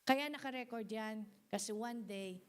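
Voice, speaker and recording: High-voiced woman preaching. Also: measured pace. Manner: mixes English into her sermon, animated, laughs often; asks the congregation for responses. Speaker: pastor. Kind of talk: sermon.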